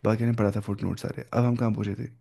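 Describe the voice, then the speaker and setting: A man with a lowish, warm, creaky voice and flat delivery teaches the rules of Quran recitation in a conversational lesson. He mixes in English words, often asks "okay?" to be sure students follow, and slows down to demonstrate each recited example.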